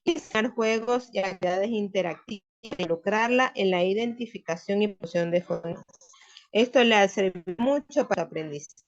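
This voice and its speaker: A woman's voice: mid-range voice, fairly quick, dull audio. A woman student giving a class presentation, explaining her points step by step.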